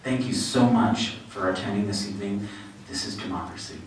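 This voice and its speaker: A man's voice: lowish voice, steady tone, brisk. A man chairing a public hearing, polite and procedural, thanking people as he moves things along, heard from a distance in a hall. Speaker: meeting chair. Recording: echoey hall, distant mic.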